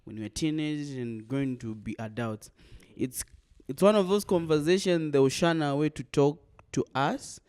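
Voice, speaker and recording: A man in a casual podcast discussion, hesitant and halting. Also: a little high, a little mellow, smooth. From Zambia. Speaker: podcast co-host.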